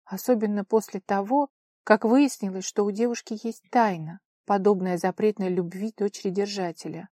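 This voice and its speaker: A woman reading scripted fantasy narration in a measured, expressive way, close to the mic. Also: mid-range voice, no room sound. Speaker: audiobook narrator.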